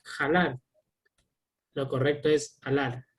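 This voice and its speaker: Slow, deliberate man reading aloud. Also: a little high, a little mellow. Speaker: student reading examples aloud.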